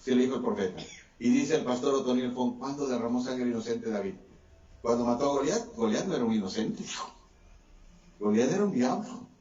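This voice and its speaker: A man, a pastor preaching a sermon, swinging between a raised and a lowered voice. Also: lively intonation, brisk, warm tone. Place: church hall. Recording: distant echoey church mic, dull sound.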